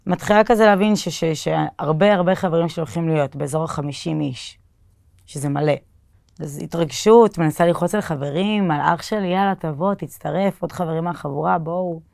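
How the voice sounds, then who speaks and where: A young woman with a low, gravelly, slightly mellow voice tells a personal story casually, full of fillers and restarts, acting out what she and others said. The studio-quality recording has no room sound.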